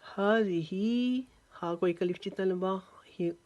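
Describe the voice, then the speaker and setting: A woman's voice: lowish voice, flat delivery, normal speed, a little mellow, highs cut off. A woman teaching Quran recitation rules step by step, patiently and methodically explaining how each sound is drawn out. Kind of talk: step-by-step tajweed lesson.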